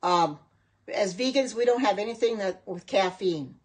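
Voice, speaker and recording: In her kitchen, a middle-aged American vegan home cook hosts a chatty livestream in an expressive, slightly rough, middle-pitched voice at a moderate pace. She wanders, circles back on her own points and pauses to respond to viewers' comments as they arrive.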